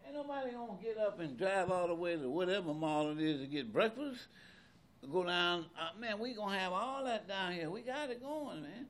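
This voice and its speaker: A man in his seventies in a casual conversation as an interviewee, animated and repetitive, with loose colloquial speech. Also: high-pitched, moderate pace. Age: 70s. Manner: animated, repeats words, loose colloquial grammar.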